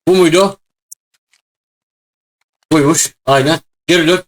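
A man plays through a mobile shooter match and talks the whole way, loud and easily excited, often breaking into shouts. His voice sits slightly higher than most men's. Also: a little slow. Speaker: gaming video host. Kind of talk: excited mobile-game play chat.

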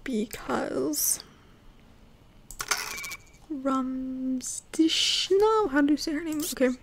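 A woman talks through a game in a high voice with a gravelly fry. She speaks slowly and chattily, often apologizing as she thinks aloud. A hiss of noise and clicks sits under her desktop mic. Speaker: gamer. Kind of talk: casual gameplay commentary. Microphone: desktop USB microphone.

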